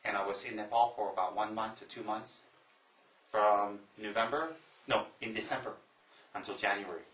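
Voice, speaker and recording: A man from Taiwan, a Buddhist monk, giving a slow, emphatic Dharma talk to an audience, repeating phrases and adding joking asides. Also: fairly low pitch, fairly bright tone, reverberant, rough recording.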